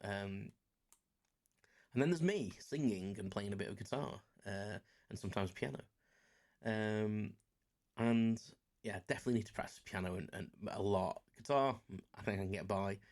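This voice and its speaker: A man's voice: fairly low pitch, moderate pace, darkish tone. A man around forty, chatting casually on his solo podcast, rambling and self-deprecating with many fillers. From England. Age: about 40. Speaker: podcast host.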